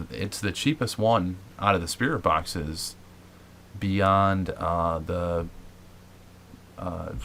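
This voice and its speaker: A man's voice: low voice, fairly bright tone, a little hiss or hum. A man hosting a paranormal show, explaining casually to viewers with many fillers and restarts. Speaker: paranormal investigator host.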